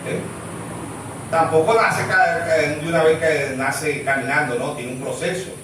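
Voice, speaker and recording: A Venezuelan pastor preaches in a church hall, firing rhetorical questions at the congregation and asking "¿sí o no?" for responses. His voice is a little high, steady, and fairly bright, delivered a little slowly. The hall is very echoey, he is far from the mic, and there is slight background noise.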